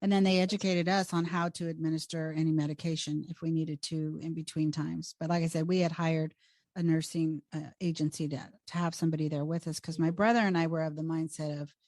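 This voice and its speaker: A woman's voice: low voice, level tone, brisk, a little mellow, dry recording, studio quality. An American woman in casual conversation, sharing stories and asking questions as a co-host.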